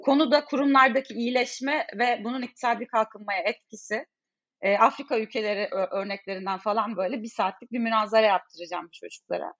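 A young woman, an economics lecturer, talking in a casual discussion in an exasperated, animated way with many fillers. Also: fairly high pitch, fast talker, lo-fi sound.

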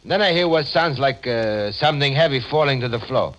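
An actor playing an anxious immigrant shopkeeper with an Italian accent and excitable, halting broken English in radio drama style. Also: male voice, mid-range voice, highs cut off, close to an everyday voice. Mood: worried. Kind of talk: old-time radio drama acting. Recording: noisy old radio recording, clicks.

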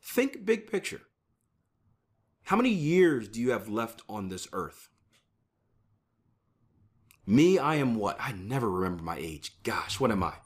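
Low-voiced man in his thirties, chatty. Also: big pitch swings, measured pace, long pauses. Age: 30s. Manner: conversational, repeats "right?" often. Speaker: trading educator. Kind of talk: casual talk to viewers.

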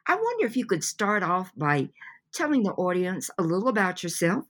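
A woman's voice: lowish voice, sing-song, a little fast. A woman hosting a podcast interview who asks her questions in a formal way. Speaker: podcast host.

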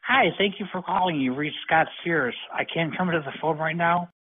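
A woman's pre-recorded voicemail greeting plays back over a tinny phone line. Her voice sits low, and she speaks in a polite, flat answering-machine manner. A faint hiss runs under it. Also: moderate pace. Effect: recorded voicemail greeting played over a phone line.

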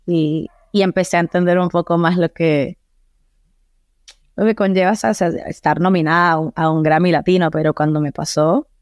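Lively Venezuelan woman telling stories. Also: lowish voice, normal speed, no room sound, clean studio sound. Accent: Venezuelan, Caracas. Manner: lively storyteller, drops English phrases into Spanish. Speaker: guest singer. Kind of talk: casual interview chat.

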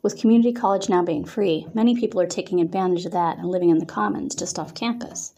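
A woman voicing a brisk, matter-of-fact young woman working registration. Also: lowish voice, dark tone. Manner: matter-of-fact, then peppy.

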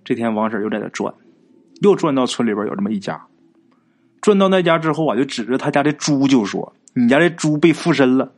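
A male storyteller spins a folk ghost story. His colloquial, chatty delivery speaks straight to the audience, and his husky voice sits at a middle pitch. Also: big pitch swings, fast talker, darkish tone. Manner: chatty, colloquial, addresses listeners directly.

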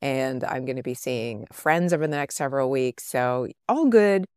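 Low-voiced older woman hosting a podcast. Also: animated, normal speed, a little mellow, clean tone, no echo, clean studio sound. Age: 50s or older. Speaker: podcast host and life coach. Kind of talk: podcast monologue.

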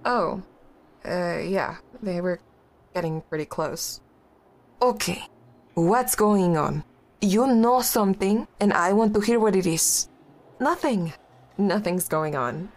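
This actress has a medium-pitched voice with lively intonation, speaking slowly and pausing often. Her audio drama role is a young woman in a grief support group, guarded and impatient, who starts out evasive and ends up blunt and fed up.

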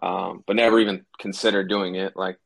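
His voice sits low and creaky, slightly rough yet fairly bright, delivered flatly at a fairly quick pace. He's a young rapper from New Hampshire, USA, guesting on a podcast in a casual, laid-back interview full of fillers like "like" and "you know what I mean."

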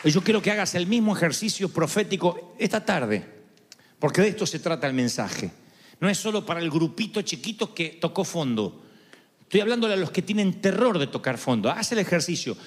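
High-voiced impassioned male preacher. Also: lively intonation, fairly quick. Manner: impassioned, rising to shouted climaxes. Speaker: pastor. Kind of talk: sermon. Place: large church hall with congregation. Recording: long reverb of a large hall.

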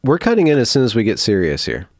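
A man's voice: medium pitch, wildly swooping pitch, fast talker, dry recording, studio quality. A man hosting a podcast in casual chat, playful and loose, often hedging with fillers. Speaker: podcast host.

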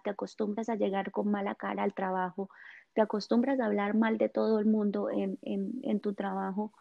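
A woman, a guest, talking in a gentle, hesitant way with many fillers, explaining in casual conversation. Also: mid-range voice, gravelly, lo-fi sound. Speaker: guest on chakras and essential oils.

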